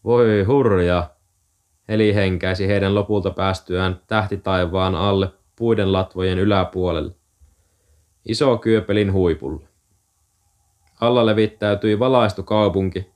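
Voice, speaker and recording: Male audiobook reader, fairly low voice, calm measured storytelling, scripted narration.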